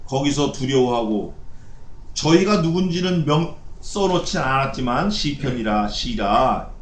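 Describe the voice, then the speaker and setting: A man preaching a sermon as pastor, firing off rhetorical questions and repeating short punchy phrases. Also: a little high. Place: church sanctuary. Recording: echoey church hall.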